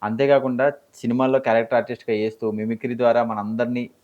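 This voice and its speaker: A man's voice: medium pitch, flat delivery, quick pace. A man hosting a studio interview, greeting viewers and asking polite questions. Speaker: interview host. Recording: dull lo-fi studio audio.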